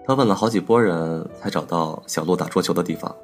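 A man narrating a personal story as a podcast host, in a calm, measured and wistful manner. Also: low-pitched, soft background music.

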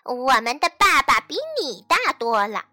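A woman voicing two rude, boastful little wolf cubs, taunting and shouting loudly. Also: medium pitch, big pitch swings, a little slow, slightly rough, no echo, faint music behind, exaggerated voice. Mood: defiant taunting.

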